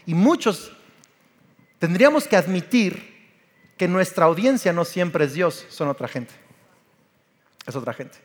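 A man, preaching a sermon with passion and acting out stories, his voice climbing to shouts. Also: sits high, animated, a little slow, long pauses, in a large hall. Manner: passionate, acts out Bible scenes and family anecdotes, rising to shouts. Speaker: pastor. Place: church hall.

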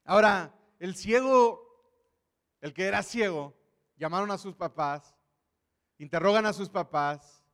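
A man preaching a lively sermon, animatedly acting out the voices of Bible figures. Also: high voice, a little slow, long pauses, long reverb tail.

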